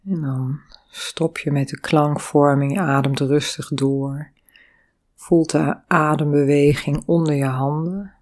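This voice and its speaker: A woman with a low voice talks slowly through a guided breathing and body exercise. She hums long, resonant vowel sounds between calm instructions. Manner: calm, slow guiding with sung vowel sounds.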